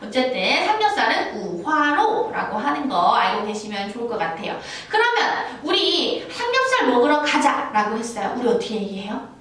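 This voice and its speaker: A woman's voice: on the high side, sing-song, normal speed, few pauses, a bit bright. A woman giving a casual language lesson, chatty and playful, acting out little scenes as she explains phrases. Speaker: Chinese language teacher. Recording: roomy, from a distance, faint background noise.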